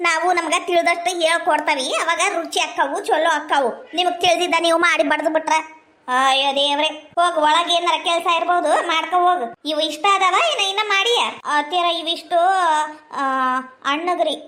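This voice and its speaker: A woman's voice: very high voice, fairly even intonation, brisk, sharp tone. A middle-aged woman with a North Karnataka accent, chatting and scolding in a homely way as a housewife in a comedy sketch. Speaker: village housewife in a comedy skit.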